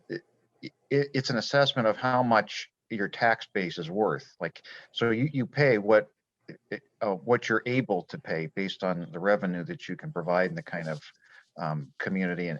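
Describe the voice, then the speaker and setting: Male school official explaining at a public meeting, hesitant delivery, somewhat low pitch, muffled low-fidelity sound. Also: a bit bright. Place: board meeting room. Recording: dull, lo-fi sound in echoey room.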